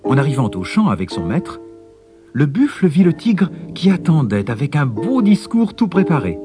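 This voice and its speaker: A man narrating a storybook in a measured, expressive way. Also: on the high side, over music.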